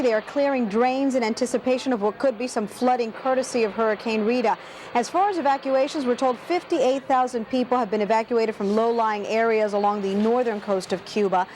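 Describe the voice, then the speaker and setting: A woman's voice: on the high side, a little mellow, a little hiss or hum, low-quality recording. A woman newsroom reporter delivering a scripted broadcast news report.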